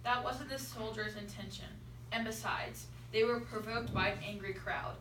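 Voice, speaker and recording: A young teenage girl, serving as a student narrator, reads scripted narration aloud for a school play. Her voice is medium-pitched at normal speed, and the classroom recording is echoey, noisy, and distant from the mic.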